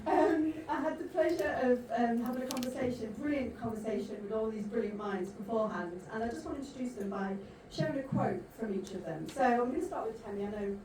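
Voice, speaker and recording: A woman's voice: on the high side, a little fast, hardly any pauses. Emphatic woman moderating in an echoey hall. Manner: emphatic, rhetorical delivery. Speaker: panel moderator. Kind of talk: conference speech and panel moderating. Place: large conference hall. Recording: echoey hall from far off, noisy.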